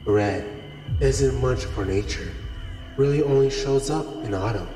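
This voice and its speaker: A streamer reading a visual novel aloud through a voice changer, voicing an eccentric narrator obsessed with the color red in a slow, dreamy way. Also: medium pitch, warm tone, pitched below the performer's own voice. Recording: roomy reverb with music behind.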